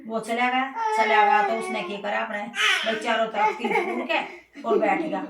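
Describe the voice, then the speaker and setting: A woman with a Haryanvi accent narrating a traditional fast-day folk tale in a lively, repetitive oral storytelling style. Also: on the high side, a crowd in the background. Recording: echoey, distant, noisy room.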